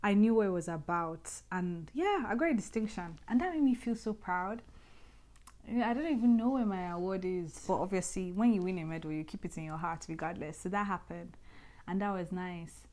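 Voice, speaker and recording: A woman hosting her own podcast, telling personal stories in a lively, nostalgic way with many restarts. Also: lowish voice, normal speed. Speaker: podcast host. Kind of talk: personal storytelling monologue.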